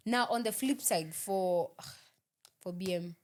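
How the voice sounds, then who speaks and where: A woman's voice: on the low side, takes it slowly, darkish tone. A woman with a Kenyan accent co-hosting a football podcast in casual sports chat, switching between English and Swahili.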